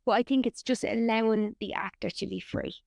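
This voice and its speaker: A woman's voice: fairly high pitch, brisk, gravelly, darkish tone, dry recording, studio quality. A woman, an actor and writer, chatting candidly in an interview and swearing freely. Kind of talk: casual interview chat.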